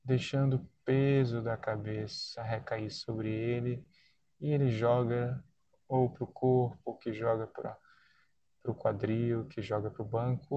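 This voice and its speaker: Slow, soothing Brazilian man guiding relaxation. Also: mid-range voice, mellow, no room sound. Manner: soothing, unhurried, with long pauses between short phrases. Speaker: guided meditation leader. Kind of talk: guided body-scan relaxation.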